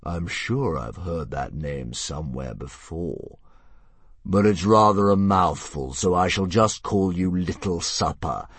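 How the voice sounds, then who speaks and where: A man voicing a huge, sleepy, smugly polite old male dragon who speaks with slow courteous menace. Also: low voice, animated, breathy edge, no echo, heavily acted.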